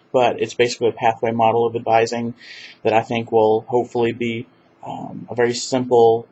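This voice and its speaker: A man chats through a video diary, wandering off track and full of ums and restarts. His webcam audio sounds dull and lo-fi, with a faint hiss underneath. His pitch sits in an ordinary middle range. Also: a little mellow. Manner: rambling with many fillers and restarts. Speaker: vlogger.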